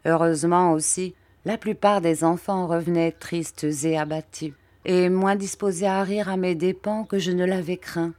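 A woman reading a classic novel aloud as an audiobook narrator, in a clear, even storytelling manner. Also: lowish voice, moderate pace, hardly any pauses, dry recording. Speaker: audiobook reader.

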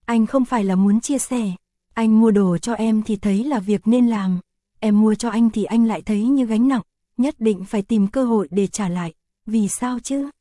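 A woman voicing an affectionate, pouty young man in an audio story, read in a soft, even voice. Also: fairly high pitch, normal speed, dry recording, close to an everyday voice. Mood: earnest.

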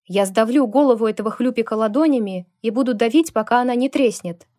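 A woman's voice: medium pitch, moderate pace, dark tone, natural voice. A woman reading a storybook, voicing a big, protective older biker who barks and growls his words. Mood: furious. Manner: gruff, barking.

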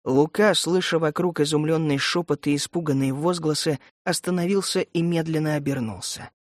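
Man narrating an audiobook, fairly high voice. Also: fairly even intonation, normal speed, no room sound, studio quality.

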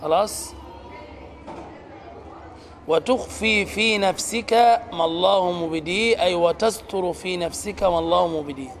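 A man teaching the rules of Quran recitation, explaining slowly and stretching out words and sounds to demonstrate them. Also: high-pitched, slight background noise. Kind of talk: tajweed lesson.

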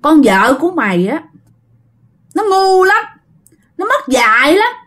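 Woman doing a ghost girl, shrill and high, ranting in fury, voice leaping up and down. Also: very animated, unhurried, fairly bright tone, exaggerated voice. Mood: scornful. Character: furious ghost of a drowned girl possessing an old woman.

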